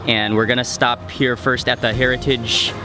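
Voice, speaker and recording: Hosting a travel vlog, a man talks to the camera in a relaxed way while describing his trip. His mid-range voice moves little in pitch at a moderate pace, over music and the sounds of street traffic outdoors.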